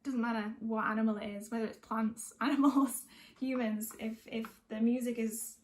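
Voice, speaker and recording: At an online gig, a young singer-songwriter from North West England chats casually between songs, hesitant, reflective and rambling. Her voice is a little high and level-toned at a normal speed, with slight background noise.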